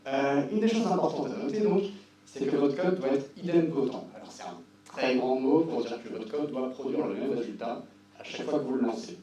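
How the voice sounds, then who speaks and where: A mellow-voiced man gives a casual, wry technical talk. He sounds distant from the microphone, in a very echoey room. His delivery is informal, with dry asides. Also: medium pitch, fairly quick. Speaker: conference speaker. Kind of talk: informal technical presentation with slides. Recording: roomy echo, distant mic, faint hum.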